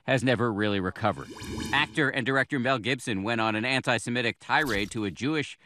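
Bright-voiced American male news reporter. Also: mid-range voice, fast talker. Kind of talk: scripted news narration.

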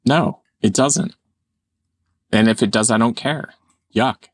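A man hosting a casual comedy chat, playful and quick to break into goofy voices. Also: mid-range voice. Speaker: show host.

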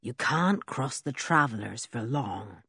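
A woman voicing an old male village blacksmith who tells a story slowly and in a rustic way, with a husky voice. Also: very deep voice, animated, fairly bright tone, dry recording, studio quality, pitched below the performer's own voice, full character voice. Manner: slow, drawn-out, rustic storytelling. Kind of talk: audiobook character reading.

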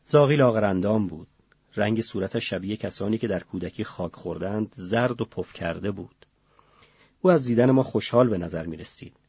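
A man reading a novel as an audiobook narrator, in a measured, grave delivery. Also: fairly low pitch, darkish tone, slightly rough, no room sound, lo-fi sound.

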